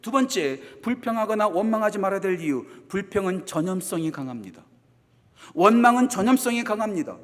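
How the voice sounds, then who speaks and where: A middle-aged Korean man preaching a sermon. He talks fast, repeats phrases for emphasis, and moves between loud exhortation and hushed asides. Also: very high-pitched. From South Korea. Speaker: associate pastor. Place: church sanctuary. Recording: long hall reverb of a church.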